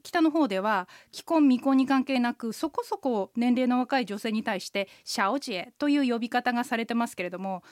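Woman co-host, interpreter guide type, fairly high voice, friendly explainer, dry close studio sound. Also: lively intonation, no room sound. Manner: friendly, explanatory, with quick asides. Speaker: licensed interpreter guide co-hosting a language lesson. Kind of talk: radio language lesson, explaining and chatting.

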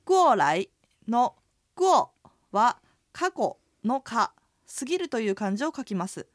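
A woman's voice: on the high side, slow pace, no echo, studio quality. A woman who runs an inn, co-hosting a radio language lesson and explaining phrases in a friendly, explanatory way. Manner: lively, explanatory, friendly presenting. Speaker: inn proprietress and co-host.

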